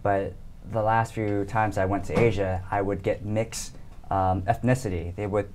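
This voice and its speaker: This American man in his thirties is a guest on a casual interview, relaxed and laughing easily, with plenty of ums. His voice is lowish and moves at a normal speed. There's a little hiss or hum in the audio.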